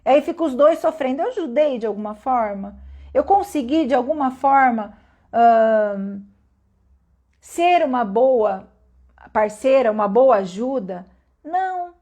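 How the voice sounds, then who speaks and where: A woman giving a calm, reflective spoken lesson at an unhurried pace, often pausing to ask her listeners questions. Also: fairly high pitch. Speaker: teacher.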